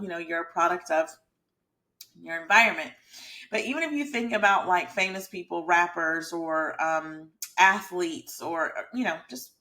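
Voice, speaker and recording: A woman's voice: lowish voice, a bit bright. Woman, thirties, Georgia Southern accent. Informal vlog host and mentor, conversational explainer delivery addressed straight to the viewer. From Georgia, USA. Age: 30s. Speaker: mindset mentor and YouTube host. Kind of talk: casual chatty explainer vlog.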